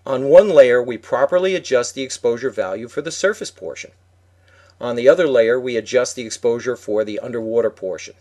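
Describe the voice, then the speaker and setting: A man's voice: mid-range voice, a little fast, dark tone. A man co-hosting a podcast, reading a prepared script in an instructive way. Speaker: podcast co-host.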